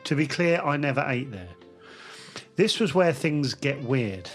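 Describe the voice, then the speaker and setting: A man's voice: medium pitch, animated, measured pace, soft background music. A man co-hosting a comedy podcast, teasing the others and reading a listener email between giggles. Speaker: podcast co-host.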